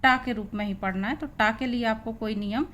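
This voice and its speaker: A woman's voice: on the high side, steady tone, fairly quick, fairly bright tone, slight background noise. A woman with an Indian accent teaching English pronunciation, spelling words letter by letter and repeating each sound. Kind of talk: classroom pronunciation lesson.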